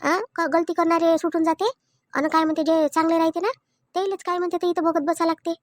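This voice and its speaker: A woman voicing a sensible sister-in-law in a cartoon family drama who calms and advises, speaking. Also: very high voice, a little fast, no room sound. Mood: soothing. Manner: soothing, advising.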